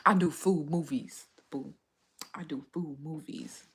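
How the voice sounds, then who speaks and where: The recording is very noisy as a woman hosts a laid-back livestream in a low-pitched voice at a measured pace. She rambles and chats, reads viewer comments out loud and replies, sounding a little stuffy from a cold.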